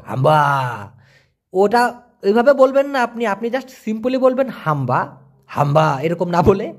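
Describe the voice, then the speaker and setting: A man from Bangladesh, giving a casual vocabulary lesson and slowly repeating each word between chatty asides. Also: sits high. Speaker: language teacher.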